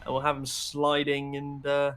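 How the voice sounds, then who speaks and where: A man's voice: mid-range voice, completely flat delivery, moderate pace, background noise. A man doing color commentary on sim racing, chatty and joking in his analysis.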